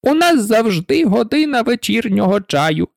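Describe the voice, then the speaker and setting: A reader voicing an eccentric, mournful male hatter in a storybook, rambling and excitable, with frequent hesitations. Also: mid-range voice, measured pace, vocal fry, no echo, clean studio sound, pitched above the performer's own voice. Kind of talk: storybook reading.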